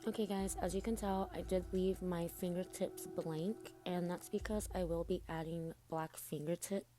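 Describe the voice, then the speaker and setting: A woman's voice: lowish voice, fairly even intonation, moderate pace, music in the background. A woman doing a casual, chatty tutorial voice-over, speaking informally to her viewers with braces in her mouth. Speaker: makeup tutorial host.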